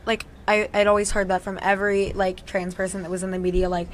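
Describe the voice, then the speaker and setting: A teenage female guest with a medium-pitched voice. She talks informally and personally, circling back and repeating phrases as she goes. Some background noise is audible. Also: little pitch movement, fast. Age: teens. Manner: informal, hesitant, repeating herself. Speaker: talk show guest. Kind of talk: casual personal chat.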